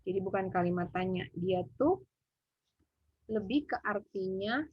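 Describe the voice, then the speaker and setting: A woman's voice: medium pitch, animated, measured pace, husky, dry recording. A woman teaching English in an online lesson, often hesitating and thinking aloud with many fillers. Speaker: English tutor. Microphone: video call. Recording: muffled video call audio.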